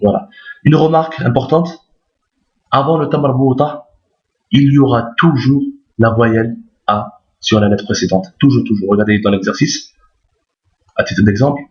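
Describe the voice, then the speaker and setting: Guy teaching letters slowly, keeps checking you got it, echoey lo-fi sound. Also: medium pitch, fairly even intonation. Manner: patient, repeats key points, often checks with "d'accord?". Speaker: Arabic reading teacher. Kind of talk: step-by-step lesson explaining letters on screen. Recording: roomy, dull lo-fi recording.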